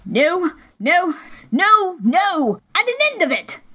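A blustering old sea captain who barks his words and cries out oaths, as a woman puts him on while reading an audiobook. His demands come short and gruff. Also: fairly high pitch, very animated, unhurried, sharp tone, exaggerated voice. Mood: crying out. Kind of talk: audiobook character voice.

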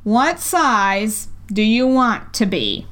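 A woman doing a slow, curt storybook caterpillar. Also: a little high, very animated, fairly bright tone, a little hiss or hum, full character voice. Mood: disapproving. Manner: drawling, curt and contradictory. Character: stern, slow-speaking male caterpillar smoking a hookah.

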